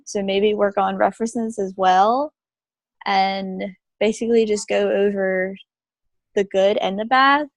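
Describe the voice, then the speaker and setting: A woman in a sales training, calmly explaining how to review appointments. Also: mid-range voice, measured pace, dry recording, low-quality recording. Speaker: sales team member in a training. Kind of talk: casual group discussion.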